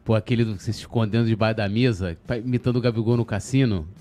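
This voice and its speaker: A man's voice: lowish voice, fairly even intonation, fast, a little mellow. A man from Rio, co-hosting a casual chat with short reactions. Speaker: co-host.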